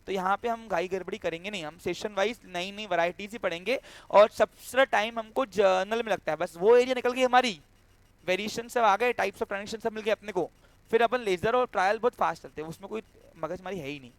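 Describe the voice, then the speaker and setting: In an accountancy class, a male teacher walks through entries step by step, frequently making sure the students are keeping up, and acts out handing cash over with a student. His voice sits high and he speaks briskly, with no room sound in this lecture.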